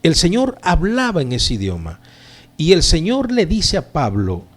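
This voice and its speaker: A man preaching a sermon as pastor, slow and emphatic with dramatic pauses. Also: on the high side, wildly swooping pitch.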